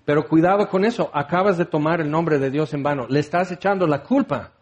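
A man's voice: fairly high pitch, a little fast. A man preaching a conversational sermon, full of rhetorical questions and playful asides.

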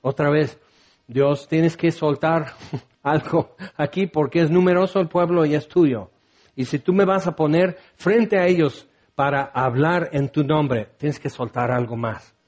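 Guy preaching a sermon, kinda high voice, goes loud then drops real quiet. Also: measured pace. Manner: dramatic, swings between loud and hushed.

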